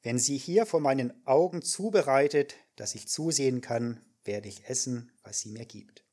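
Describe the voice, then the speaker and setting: A man voicing a crafty male adviser in a scripture reading, husky and plain. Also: medium pitch, moderate pace, warm tone, close to an everyday voice. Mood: scheming. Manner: plain read-aloud delivery. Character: crafty male adviser giving sly advice.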